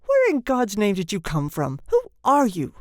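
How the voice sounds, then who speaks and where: A woman's voice: mid-range voice, wildly swooping pitch, normal speed, no echo, studio quality. A woman voicing a frantic, horrified man, a new father in a storybook, in an outraged, gasping manner. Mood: frantic rage.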